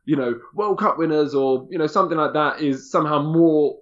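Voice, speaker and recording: A man's voice: on the high side, fairly quick, fairly bright tone, lo-fi sound. A man, a guest in a casual podcast conversation, talking candidly and emphatically, often repeating himself.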